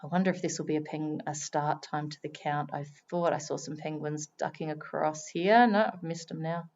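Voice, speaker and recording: A woman giving chatty live commentary on a wildlife stream, now and then breaking into excited exclamations. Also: low-pitched, normal speed, highs cut off.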